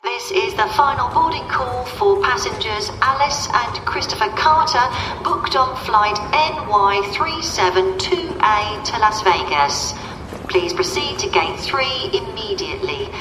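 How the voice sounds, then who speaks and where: A woman making formal station and airport announcements in a measured voice. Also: on the high side, lively intonation, music in the background. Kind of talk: scripted public announcement. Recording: echoey hall from far off.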